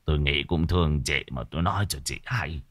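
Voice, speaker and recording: A man doing a gruff older villager. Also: sing-song, normal speed, full character voice. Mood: hushed. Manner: gruff, low and hushed.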